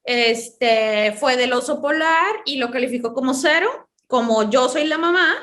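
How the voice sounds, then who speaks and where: Woman, high voice, psychologist guest, anecdotal, acts out dialogue. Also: a bit bright. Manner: explains with long personal anecdotes, acting out quoted dialogue. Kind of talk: conversational interview.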